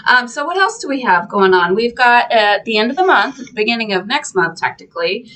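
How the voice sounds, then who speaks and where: A woman's voice: a little high, sing-song, brisk, pushed and bright. Chatty Midwestern American woman co-hosting. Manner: chatty, rambling with many fillers. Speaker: co-host of a live quilt shop show. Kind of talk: casual live-stream chat.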